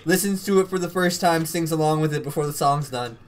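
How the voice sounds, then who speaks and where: A man's voice: on the high side, fairly quick, a little hiss or hum. A young man hosting a casual live interview, rambling with lots of slang and laughter.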